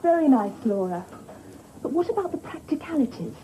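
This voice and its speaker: In a 1980s British sitcom, a woman plays a supporting character who speaks in a fussy, prim, exasperated manner. Her voice is high and brisk with big swings in pitch. Studio audience laughter and noise can be heard in the recording.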